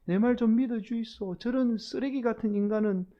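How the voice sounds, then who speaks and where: A male pastor voicing a flustered fisherman in a Gyeongsang dialect, pleading and protesting loudly. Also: extremely high pitch, brisk, highs cut off, voice pushed up. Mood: panicked pleading. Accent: Gyeongsang dialect, put on. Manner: panicked, pleading, loud protest. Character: flustered fisherman Peter denying Jesus.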